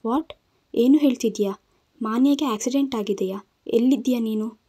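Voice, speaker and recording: A woman voicing an anxious young man who asks urgent questions and then calms a friend. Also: a little high, normal speed, natural voice. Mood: alarmed.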